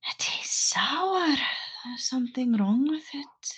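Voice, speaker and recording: A woman voicing a wary young female investigator in whispered role-play, speaking in a hushed, breathy whisper. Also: high voice, animated, takes it slowly, voice pushed up, exaggerated voice.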